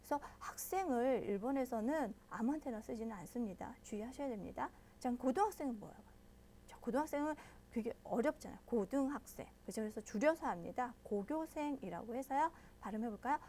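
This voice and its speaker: A woman's voice: on the high side, animated, a little hiss or hum. A woman teaching a language lesson, explaining patiently step by step and checking in with her listeners often. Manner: models pronunciation slowly and loudly.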